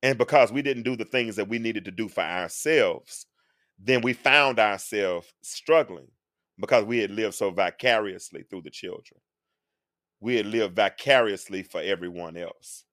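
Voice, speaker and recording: This forties-aged show host, interviewed during a live-stream talk he hosts, preaches earnestly and sings the odd phrase. His voice is lowish and a bit bright, at a moderate pace. It's studio quality with no room sound.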